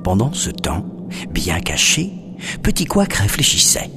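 A man narrating a children's story expressively, dropping to a hush at suspenseful moments. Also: on the low side, wildly swooping pitch, measured pace, music in the background.

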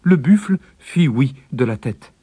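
Guy reading a fable, lively voice, mellow and a bit husky, dry sound. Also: mid-range voice, unhurried, dry recording. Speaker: narrator. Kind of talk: scripted storybook narration.

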